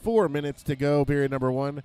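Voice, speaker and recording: A man's voice: on the high side, a little fast, darkish tone. A man announcing a roller derby tournament, joking as he rattles off lists of events and scores. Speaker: play-by-play announcer.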